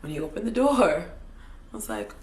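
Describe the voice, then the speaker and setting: A woman's voice: low-pitched, big pitch swings, moderate pace. A woman in her thirties casually and animatedly telling a personal story to camera, joking and swearing as she goes. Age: 30s. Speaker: vlogger.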